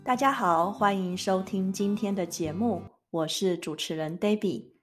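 Expressive woman hosting a podcast. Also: medium pitch, a little slow, soft background music. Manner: expressive, reacts with exclamations. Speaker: podcast host. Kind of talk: friendly podcast interviewing.

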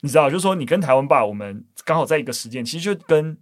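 A man with a Taiwanese accent talks in a casual podcast style with very lively, swinging intonation. He moves along quickly and doubles up phrases as he goes, in a dry, close-sounding recording. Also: a little high, no echo. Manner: chatty, repeats phrases for emphasis. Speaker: podcast host.

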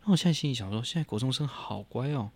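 A man, co-hosting a podcast and telling stories in a lively, laughing way. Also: medium pitch, racing, husky, soft background music. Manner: animated, laughing storyteller. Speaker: podcast co-host. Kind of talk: casual chat, storytelling.

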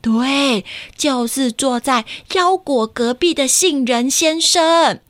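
Woman, children's storyteller, high voice, playful questions, dry close sound. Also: slow pace, no echo. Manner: animated, playful, asking kids questions. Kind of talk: picture-book read-aloud lesson.

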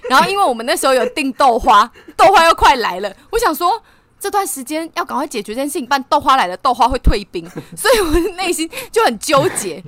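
A woman's voice: high voice, big pitch swings, quick pace, a bit bright, no room sound. A woman co-hosting a casual podcast chat over an online call, telling a story animatedly and laughing often. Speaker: podcast co-host. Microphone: remote online call.

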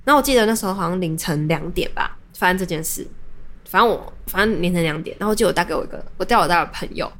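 A woman's voice: lowish voice, lively intonation, rapid-fire. A young adult woman, hosting a podcast and telling a personal story in a casual, rambling way with many restarts. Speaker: podcast host.

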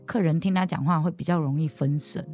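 Woman, lower voice, mostly mm-hmms and quick questions, faint music. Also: steady tone, a little mellow. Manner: brief agreeing murmurs, asks questions. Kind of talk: casual podcast chat.

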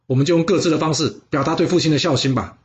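A man's voice: on the high side, very fast, close to an everyday voice. A man voicing a dutiful elder brother. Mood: resigned.

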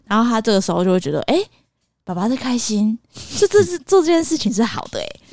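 Fast-talking mom giving advice. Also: female voice, a little high, dry recording, studio quality. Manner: quick, explanatory, expressive. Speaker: podcast co-host, mother. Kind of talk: casual chat, giving parenting advice.

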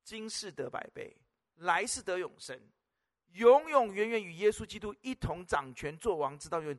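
A male pastor preaching a sermon, emphatic and repetitive, firing rhetorical questions at his congregation. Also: a little high. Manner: repeats phrases for emphasis.

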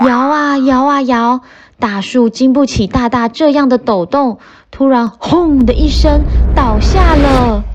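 A woman hosting a children's story show, narrating a storybook in a lively, expressive way. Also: fairly high pitch, dull audio. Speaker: storyteller host.

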